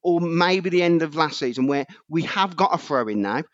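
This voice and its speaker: A man's voice: fairly high pitch, animated, normal speed, dry recording, highs cut off. A man in his forties, a podcast guest ranting in casual chat and stumbling over repeated words. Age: 40s.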